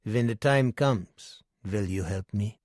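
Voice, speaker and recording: A man's voice: fairly low pitch, slow pace, darkish tone, no echo, clean studio sound. A man playing a sly dying German psychiatrist of ninety-one. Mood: probing, lecturing. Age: 90s. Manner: sly, probing. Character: frail dying old male psychiatrist, sly and cold.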